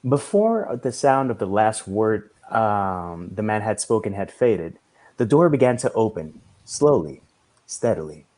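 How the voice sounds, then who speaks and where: Man, reading a story aloud, measured narration, somewhat low voice. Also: big pitch swings, dark tone. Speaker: reader.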